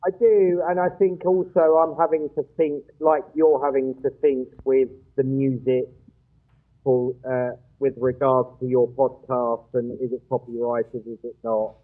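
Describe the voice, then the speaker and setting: A man's voice: mid-range voice, little pitch movement, a little slow. A man talking casually as a guest over a video call, his voice sounding hollow like he is in a cave, often restarting sentences. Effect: hollow cave-like echo from a bad call connection. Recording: dull lo-fi call audio from off the mic.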